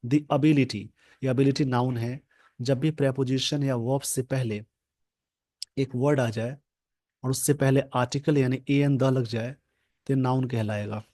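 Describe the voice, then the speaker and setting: A man teaching English grammar from a newspaper, explaining slowly and repeating key words. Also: mid-range voice, fairly even intonation, dark tone. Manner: slow, repetitive explaining, mixing English terms into Hindi.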